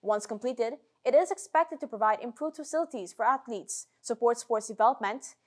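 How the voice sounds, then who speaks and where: A woman with a Guyanese accent reading a scripted news report in a measured newsreader delivery. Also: fairly high pitch.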